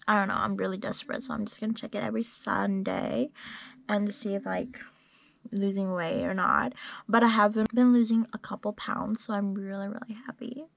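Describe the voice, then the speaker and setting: A woman's voice: medium pitch, fairly even intonation, brisk, gravelly. A young woman chatting casually to a handheld phone camera, rambling with lots of fillers. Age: young adult. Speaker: vlogger. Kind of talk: casual vlog chat. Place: small bedroom and parked car. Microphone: phone camera at arm's length.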